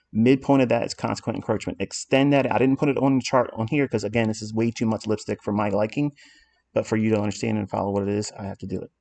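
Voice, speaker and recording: A man's voice: on the low side, gravelly, darkish tone. A man walking through trading charts in a lesson, blunt and self-assured as he explains what he authored. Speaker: trading educator.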